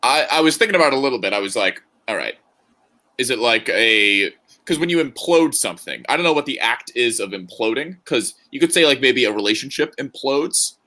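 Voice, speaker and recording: A man's voice: mid-range voice, expressive, fairly quick, sharp tone. A man co-hosting a podcast in casual banter, joking and rambling with frequent laughs. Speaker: podcast co-host.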